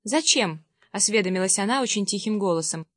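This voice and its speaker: A woman's voice: medium pitch, brisk, dry recording, studio quality. A woman narrating a literary novel as an audiobook, with light shifts in her voice for the dialogue. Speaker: audiobook reader.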